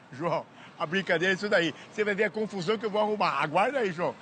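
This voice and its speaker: A man's voice: high-pitched, quick pace. A man playing hidden-camera pranks on strangers, teasing and playful, often repeating names in a joking way. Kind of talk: street prank banter. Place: busy street outdoors. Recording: loud street traffic noise.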